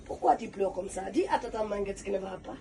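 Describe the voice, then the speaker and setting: A woman's voice: mid-range voice, quick pace, mellow, recorded from a distance, a little hiss or hum, pitched below the performer's own voice, close to an everyday voice. A woman playing a bossy, motherly older Senegalese woman who runs a restaurant and talks bluntly, on a live comedy stage with an audience laughing. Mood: coaxing. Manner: blunt, scolding, calls listener "ma fille".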